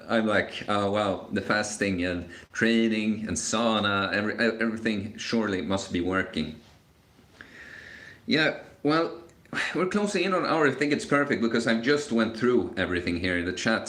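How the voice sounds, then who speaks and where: This twenty-something man runs a laid-back live Q&A stream, his speech wandering and halting, full of fillers and false starts. The pitch is fairly low and the tone fairly bright, and the room has noticeable echo.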